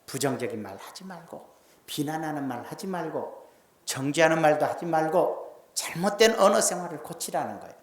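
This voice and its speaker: A male pastor preaching a Sunday sermon in a lively, folksy way, swinging from loud declarations to hushed asides. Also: a little high, normal speed. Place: church sanctuary. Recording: roomy church sanctuary echo.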